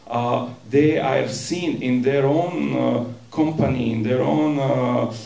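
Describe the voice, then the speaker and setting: A man's voice: mid-range voice, slow, vocal fry, mellow. A man speaking hesitantly in an interview, with many fillers. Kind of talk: interview answer. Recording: echoey, from a distance.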